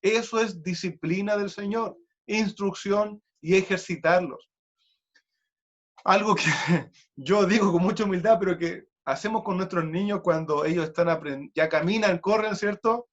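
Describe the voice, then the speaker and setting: Casting note: male preacher with a high voice, earnest and repetitive, on a dull lo-fi recording. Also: measured pace. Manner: earnest, repeats key words for emphasis. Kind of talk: sermon.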